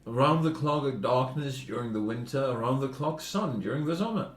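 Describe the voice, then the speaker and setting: A man's voice: mid-range voice, animated, a little fast. Man, from northern Norway, casual podcast banter, swears a lot, laughing, echoey room. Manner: profane, joking, laughs often. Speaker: podcast co-host.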